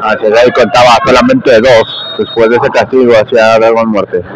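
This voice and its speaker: A man's voice: mid-range voice, steady tone, normal speed. Mexican male wrestling commentator amid heavy noise. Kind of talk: live lucha libre play-by-play commentary. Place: indoor wrestling gym with audience. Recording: noisy gymnasium, loud crowd behind.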